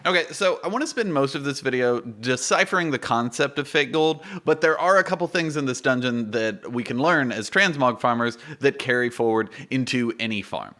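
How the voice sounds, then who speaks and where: Male gaming YouTuber, twenties: crisp-edged bright delivery, mid pitch, informal explainer, conversational with punchy emphasis, close-miked. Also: expressive, normal speed, hardly any pauses. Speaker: YouTube gaming guide host. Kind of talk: informal explanatory video commentary. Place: small indoor home studio. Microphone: close microphone on boom arm.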